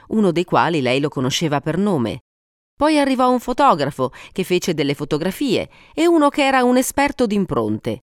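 A woman reading a story aloud for an audiobook, slightly low, with smooth, resonant tone. She narrates expressively with dramatic pauses, recorded close and dry. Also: no room sound. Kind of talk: scripted narration.

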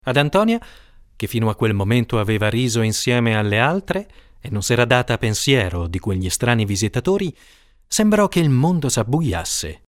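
A man narrates an audiobook with a steady, expressive delivery. His voice sits in a middle register and sounds close and dry, with no room around it. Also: medium pitch, moderate pace, dry recording.

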